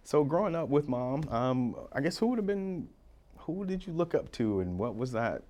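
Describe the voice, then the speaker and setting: A woman's voice: very deep voice, very animated, normal speed, warm tone, dull audio. A woman hosting a podcast in casual interview chat, affirming her guest and repeating her agreement often. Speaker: podcast host.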